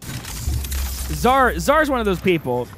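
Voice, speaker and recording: Game music sits behind a man in his thirties chatting casually on a close microphone. His voice is fairly high and very animated as he comments on his play. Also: takes it slowly. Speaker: game streamer. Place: small room indoors. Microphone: close microphone on a stand.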